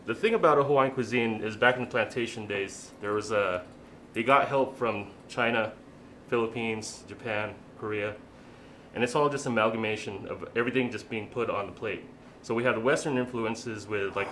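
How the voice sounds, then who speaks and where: A man's voice: lowish voice, fairly bright tone, slight background noise. A man, a chef, explaining the dishes in a plain, explanatory way in a studio interview.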